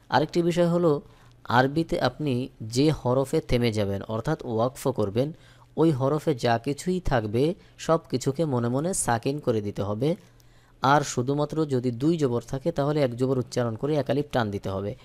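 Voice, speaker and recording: A man teaching Quran recitation, who spells out each letter with its vowel mark and then draws the recited word out slowly. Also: mid-range voice, a little mellow. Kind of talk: spelling-out tajweed lesson.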